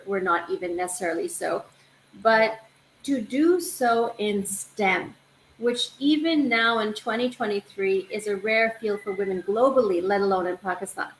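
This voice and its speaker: A woman hosting an interview, asking long, enthusiastic, framing questions. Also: mid-range voice. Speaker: interview host. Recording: echoey room with faint noise.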